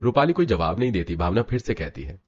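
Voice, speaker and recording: A man narrating a scripted animated story in a brisk storytelling manner. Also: low voice. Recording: dull lo-fi with music.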